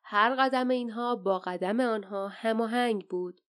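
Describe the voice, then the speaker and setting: A woman reads an adventure audiobook in a steady, dramatic storytelling manner. Her voice sits a bit higher than most women's. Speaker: audiobook narrator. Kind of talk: scripted narration.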